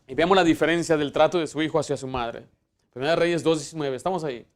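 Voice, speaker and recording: A man delivers a church sermon with a voice that sits a little high. He hammers his points emphatically, then sinks into hushed asides, often restarting his sentences as he goes. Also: quick pace. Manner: emphatic preaching, rising for Bible quotes and dropping to hushed asides; fillers and restarts. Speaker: pastor.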